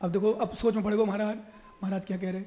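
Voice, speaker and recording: A man preaching a sermon as a Jain monk, telling stories with emphasis, going from slow and low to loud, drawn-out high lines. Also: level tone, dull audio. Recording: echoey hall with long reverb.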